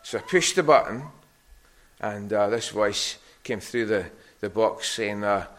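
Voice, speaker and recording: A middle-aged man with a Scottish Hebridean accent, giving a conversational children's sermon as an animated story with questions to his listeners. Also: fairly low pitch, measured pace. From Harris, Scotland. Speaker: preacher giving a children's talk.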